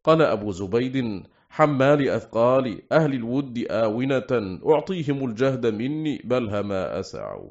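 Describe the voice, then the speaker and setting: A man reading a classical Arabic book aloud as an audiobook, slowing down to recite quoted verses and phrases. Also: medium pitch, very animated, a little mellow. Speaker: audiobook reader. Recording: slightly dull, lo-fi recording.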